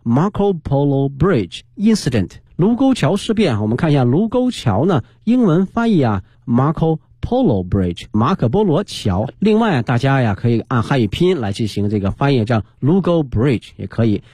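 A man's voice: mid-range voice, warm tone, breathy edge, dry recording, clean studio sound. A man hosting a radio English lesson, patiently explaining words and spelling them out letter by letter. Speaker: radio host teaching English. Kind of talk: bilingual vocabulary lesson.

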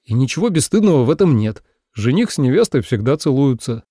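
A man's voice: mid-range voice, sing-song, fairly quick, warm tone, no room sound, clean studio sound. A man voicing a cocky, teasing young bridegroom in an audiobook, with a smug manner. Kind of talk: audiobook character voice.

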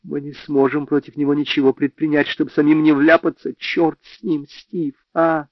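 A frightened young woman pleading in a soft, raised voice, as a male audiobook narrator puts her on. She sounds nervous and hushed, close to a whisper. The recording is dry and slightly dull. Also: on the high side, little pitch movement, moderate pace, no room sound, voice pushed up, natural voice.

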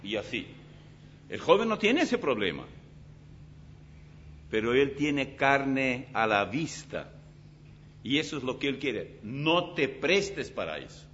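Animated preaching man, lively pitch. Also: slow pace, long pauses. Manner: animated, dramatic preaching with vivid illustrations. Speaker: pastor. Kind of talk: sermon. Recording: slightly dull recording with faint hum.

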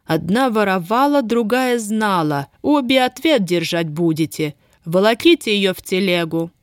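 A woman's voice: medium pitch, lively intonation, measured pace, clean tone, no echo, studio quality, natural voice. A woman voicing a cruel, imperious female estate manager in an audiobook, contemptuous and barking orders in a thin, cutting voice. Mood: imperious, scornful. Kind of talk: audiobook character voice.

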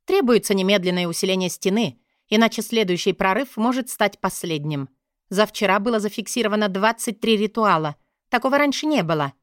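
A scarred female commander talks in a loud, curt, mocking voice, firing off blunt questions and reports. A woman narrator plays her, raising her voice. The recording is close and dry, with no room sound. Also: medium pitch, animated, a little fast, no room sound, natural voice. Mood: scornful.

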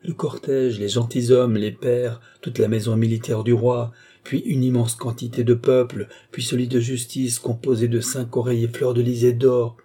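A man voicing a lively, flattering royal favorite, a countess, in an audiobook reading. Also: mid-range voice, a little fast, slightly rough, pitched above the performer's own voice, lightly acted. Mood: coaxing.

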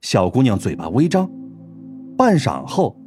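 A man narrating an audiobook in an expressive storytelling manner. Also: medium pitch, unhurried, soft background music. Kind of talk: scripted narration.

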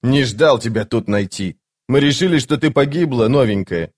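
A man doing a gruff, wary assassin. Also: mid-range voice, expressive, normal speed, lightly acted.

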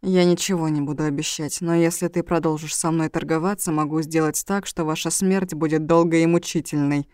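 A woman's voice: low-pitched, fairly even intonation, brisk, hardly any pauses, a little mellow, clean tone, no echo, clean studio sound, natural voice. Woman voicing a cold, threatening gang boss. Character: ruthless, controlled male gang leader.

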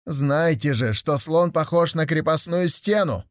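A man's voice: fairly high pitch, no room sound, clean studio sound, voice pushed up, lightly acted. A man voicing a mocking, stubborn blind beggar in a fable, speaking emphatically. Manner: drawn-out emphatic.

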